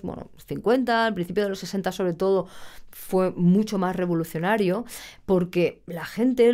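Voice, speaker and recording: Brief: woman singing coach, slightly low pitch, animated and playful. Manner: animated, acts out students and shouts, laughs often. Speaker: singing teacher. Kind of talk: casual video lesson.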